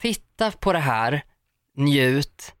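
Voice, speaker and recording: A woman's voice: low-pitched, very animated, no room sound, studio quality. A woman co-hosting a casual podcast, joking around in a playful, over-the-top way. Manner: playful, jokey, exaggerated. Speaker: podcast co-host. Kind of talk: casual chat.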